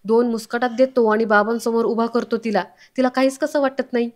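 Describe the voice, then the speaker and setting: A woman reading the lines of an indignant, quick-tempered young man. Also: fairly high pitch, fairly even intonation, darkish tone, lightly acted.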